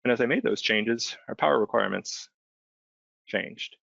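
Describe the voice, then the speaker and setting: A male webinar trainer with a mid-range, creaky voice demonstrates software one step at a time at a normal speed. He keeps it conversational and explanatory, regularly asking quick tag questions like "right?", in a dull, band-limited, close dry recording with no room sound.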